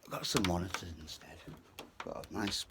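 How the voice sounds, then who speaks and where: A British vlogger chats casually to viewers from his bedroom, wandering off into asides and having some trouble pronouncing his R sounds. His voice sits low, his pace is moderate, and the recording is very noisy.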